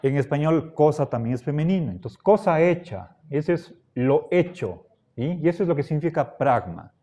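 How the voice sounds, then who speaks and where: A man teaching a class, lecturing deliberately and checking in with his students again and again. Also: a little high, expressive, warm tone. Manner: slow, deliberate, checks understanding with frequent "¿sí?".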